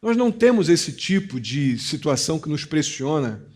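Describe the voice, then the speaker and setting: A man with a Brazilian Portuguese accent, a pastor preaching a sermon, stressing key phrases and then dropping to a quiet, confiding tone. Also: a little high, big pitch swings, normal speed, slightly rough.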